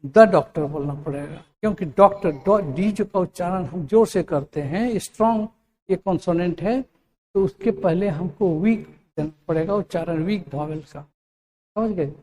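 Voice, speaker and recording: Grammar teacher with a slow, warm delivery who asks the class their own questions. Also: medium pitch. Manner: asks and answers own questions, checks understanding; spells out English examples slowly. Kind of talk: explanatory lesson.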